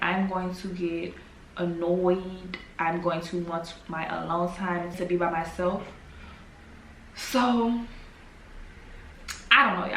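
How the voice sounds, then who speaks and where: Woman, 20s, casual vlogger. Low-ish bright voice, unhurried and musing, roomy echo with faint background hum. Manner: slow, musing, trails off with fillers. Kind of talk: casual reflective vlog talk. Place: home, in the evening. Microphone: camera. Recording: echoey room with faint ambience.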